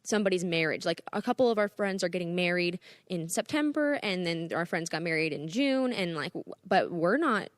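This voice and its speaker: A woman co-hosting a relationship podcast in casual chat. Her voice is a touch low and sounds close and dry. She talks earnestly and reflectively, steadying the conversation. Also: lively intonation, a little fast, few pauses, dry recording. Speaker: podcast co-host.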